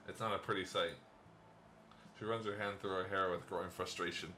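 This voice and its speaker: A man's voice: sits low, fairly even intonation, fairly quick, sharp tone, a little hiss or hum. A man hosting a let's play, reading a visual novel's first-person narration aloud with playful asides and chuckles.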